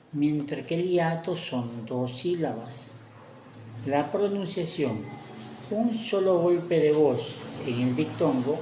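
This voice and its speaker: A woman teaching a grammar lesson, speaking slowly and deliberately and spelling out example words one at a time. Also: sits low, mellow, reverberant, a little hiss or hum.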